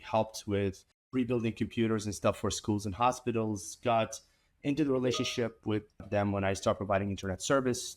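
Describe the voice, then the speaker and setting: A man from Iraq who founded a managed IT company speaks in an interview. His voice sits low and he talks earnestly and steadily, now and then repeating a word as he starts a thought. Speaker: MSP company founder, guest. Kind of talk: conversational interview.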